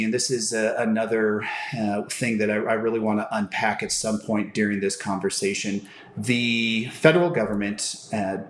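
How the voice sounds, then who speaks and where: A man explaining his business in an interview, with halting, broken phrasing and frequent hesitations. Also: fairly low pitch. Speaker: entrepreneur and company founder being interviewed. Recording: roomy echo with faint background noise.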